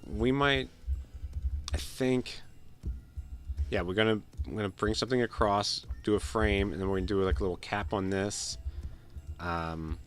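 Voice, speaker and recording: A man with a lowish, slightly bright voice that sounds sick and nasal chats casually with viewers while wrapping up a game stream. The livestreamer rambles, repeating words and restarting sentences as he goes.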